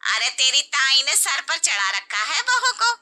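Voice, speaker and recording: A woman's voice: sits high, very animated, a little slow, voice pushed up, exaggerated voice. A woman voicing a reproachful, traditional middle-aged aunt-in-law who scolds the family. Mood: scolding. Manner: sharp, reproachful.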